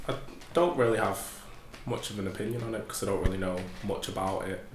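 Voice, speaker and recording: A twenty-year-old man answers interview questions slowly and uncertainly, in a low, flat voice. The room around him is echoey, with faint background noise. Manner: unsure, slow and drawn out. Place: indoor room, seated in armchair.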